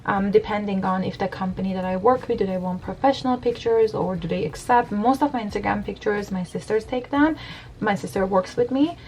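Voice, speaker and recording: Her voice is mid-range, fairly quick, and a little mellow, caught in a rough recording with slight background noise. She's a thirty-something Iranian beauty blogger doing her makeup in her bedroom for a get-ready-with-me Q&A, chatting candidly with many fillers toward a camera on the desk.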